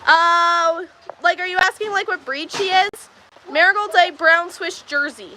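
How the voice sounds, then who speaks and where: Her voice is very high and sharp, her pace a little slow, and the low-quality recording has a slight hiss or hum. She's a Texas woman chatting on a casual livestream from a barn's milking stall, answering viewers while coaxing her cows along during chores.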